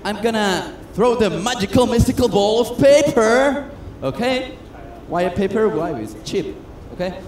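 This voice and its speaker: Man, high voice, chatty self-mocking magician patter; echoey stage, noisy room. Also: lively intonation, a little slow, hardly any pauses, a little mellow. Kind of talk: comedic stage patter with audience. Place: cruise ship stage. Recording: echoey stage sound with noise.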